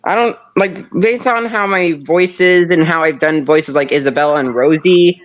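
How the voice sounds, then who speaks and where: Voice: mid-range voice, moderate pace. A streamer chatting casually on a live stream, rambling with many restarts.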